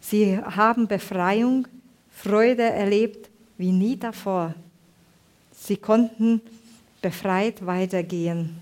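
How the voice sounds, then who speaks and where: A woman from Hungary, giving a sermon with a personal story, halting and often searching for words. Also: mid-range voice, a little mellow.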